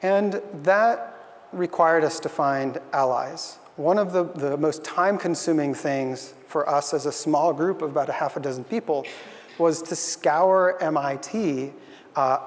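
Speaking from the stage of a large hall, a young conference speaker delivers a thoughtful, earnest talk full of fillers. His pitch is fairly high, and the room leaves a long reverb tail.

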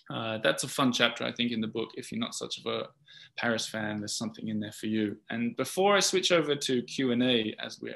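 A man with an Australian accent speaks in a loose, chatty ramble, full of "uh"s and restarts. His pitch sits in an ordinary male middle range. He talks to an audience over a video-call microphone. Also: vocal fry, fairly bright tone. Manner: rambling, chatty, many fillers. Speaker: podcast host, guest speaker. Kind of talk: casual talk and Q&A on a video call. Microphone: video call mic.

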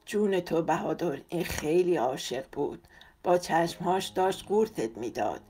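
A woman's voice: on the low side, animated, mellow, slight background noise, lightly acted. A woman voicing a mischievous, mocking younger man who jokes constantly, in an audiobook. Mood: teasing. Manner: mocking, playful.

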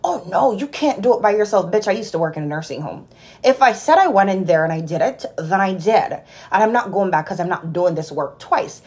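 A nurse vlogger from Jamaica, a woman in her twenties, speaks briskly at medium pitch while telling a work story. The casual vlog was filmed on a phone held at arm's length in a small room at home, and she sounds animated and exasperated.

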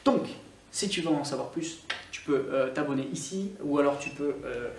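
Picked up from far off in a reverberant space with a little hiss or hum, a Scottish online English tutor delivers an opinionated rant to camera. He talks at normal speed in a somewhat high voice, teasing in a mock-serious way and often using fillers and restarting sentences.

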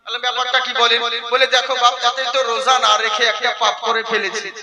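High, bright-voiced young male preacher. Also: steady tone. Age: young adult. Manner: rapid-fire, often shouting, mocking and joking. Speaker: Islamic preacher. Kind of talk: lively sermon with humorous anecdotes. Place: stage at an evening religious gathering. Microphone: stage microphone into a PA. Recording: echoey live PA sound.

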